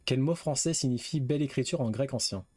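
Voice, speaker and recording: Dry-voiced streamer guessing quiz answers. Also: male voice, medium pitch, quick pace, warm tone, dry recording. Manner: reads questions aloud, guesses, swears casually. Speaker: gaming streamer. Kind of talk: casual live quiz game commentary.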